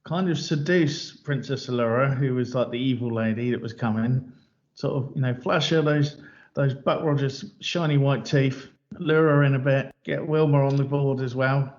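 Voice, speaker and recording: A man's voice: mid-range voice, moderate pace, darkish tone. A man co-hosting a podcast, talking in a joking, rambling way about films. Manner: joking, rambling film-buff banter. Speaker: podcast co-host. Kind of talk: casual chat. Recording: dull lo-fi podcast audio.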